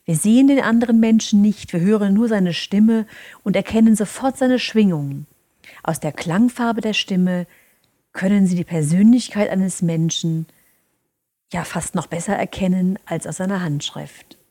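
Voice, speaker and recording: A woman giving a calm, didactic talk to her listeners, often dropping into soft breathy stretches. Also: mid-range voice, normal speed. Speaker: speaker on voice and rhetoric. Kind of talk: lecture-style talk to listeners.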